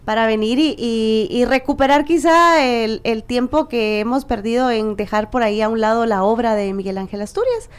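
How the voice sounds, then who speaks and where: A woman's voice: a little high, expressive, normal speed, few pauses, smooth. A woman, hosting a morning talk show in casual conversation with lots of short backchannels. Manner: warm, many short backchannels.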